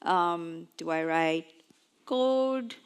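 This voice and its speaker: A woman's voice: on the low side, animated, drawn-out words, clean tone. Chatty woman giving a conference talk. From Pakistan. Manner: chatty and lightly self-mocking with the audience. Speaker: conference speaker. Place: on stage before an audience.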